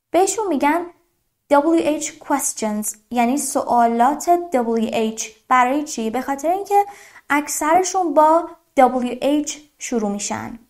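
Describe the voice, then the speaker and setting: Woman tutor, slightly high voice, patient, repeats each word slowly for beginners. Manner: patient, repeats words slowly and carefully for pronunciation. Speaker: English teacher. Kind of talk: beginner language lesson.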